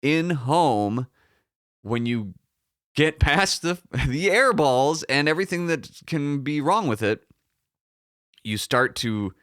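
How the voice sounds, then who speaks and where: A man's voice: a little high, lively intonation, takes it slowly, pauses often, fairly bright tone, smooth, no echo, clean studio sound. A man with a slightly froggy morning voice hosting a podcast alone, talking casually in a rambling, emphatic, self-correcting and sweary way. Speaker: podcast host. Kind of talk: casual solo podcast talk.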